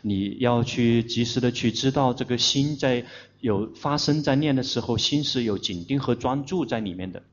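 A man interprets a meditation lesson very slowly and deliberately, often pausing to search for the right word. His voice sits in a middle pitch, and the recording sounds dull and lo-fi. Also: a little hiss or hum. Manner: deliberate, searching for words, fillers like "this". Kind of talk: consecutive interpreting of a dharma talk.

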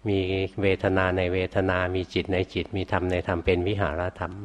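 Older man, Buddhist monk, calm unhurried teaching, somewhat low voice. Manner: calm, unhurried, ends phrases with a soft particle; hard of hearing. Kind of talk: dhamma question-and-answer teaching.

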